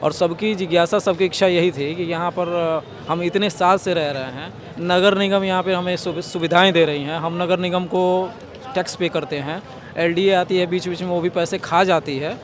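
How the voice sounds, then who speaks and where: A man's voice: high-pitched, steady tone, moderate pace. A man who lives in the area, answering a reporter's questions outdoors and explaining his view at length. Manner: articulate, explaining at length, occasional self-corrections. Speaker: local resident interviewed. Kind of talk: street interview. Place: outdoors in a crowd. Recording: loud crowd noise outdoors. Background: crowd chatter.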